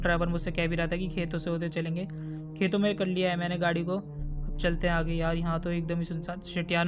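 A man with a high voice rattles through gameplay commentary at a quick clip, his pitch staying fairly level. He talks straight to his viewers in a chatty way and spooks easily. Faint music plays behind him. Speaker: gaming YouTuber.

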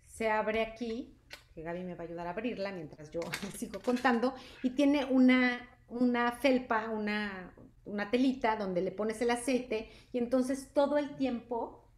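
A woman hosting a live product presentation, chatty and lively, constantly checking in with her audience. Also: a little high, unhurried. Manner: lively, chatty, asks "¿sí?" often. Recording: echoey room.

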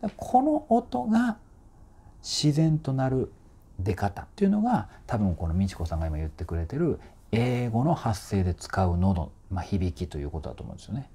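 A man's voice: on the low side, big pitch swings, normal speed, warm tone, breathy edge. A man working as a voice trainer, explaining singing technique in a chatty, informal way and demonstrating vowel sounds.

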